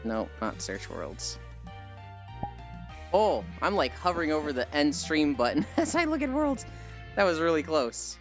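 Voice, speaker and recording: Very animated yet unhurried, this mid-range-voiced livestreamer pauses often while reading chat messages and replying in a rambling, teasing style with some mild cursing. Background music plays, and the lo-fi audio sounds dull.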